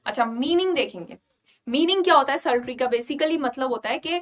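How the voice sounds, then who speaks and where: An Indian woman with a high, bright-pitched voice leads an online vocabulary class. She talks in a lively teacherly way and keeps checking that her students are following. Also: moderate pace. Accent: Indian English. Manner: lively, repeats "clear?" to check understanding. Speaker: vocabulary teacher for exam prep.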